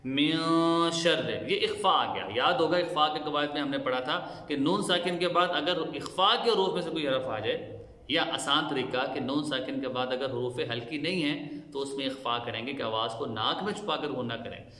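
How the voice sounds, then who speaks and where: A man teaching Quran recitation rules, explaining slowly and chanting the verses in long drawn-out tones. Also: on the high side, sharp tone. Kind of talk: tajweed lesson with chanted recitation. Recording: echoey room with long reverb.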